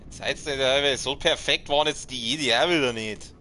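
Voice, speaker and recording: A man's voice: medium pitch, a little fast, pushed and bright, slight background noise. A man giving casual gaming commentary, slangy, cocky and given to swearing. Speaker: let's player. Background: game music and effects.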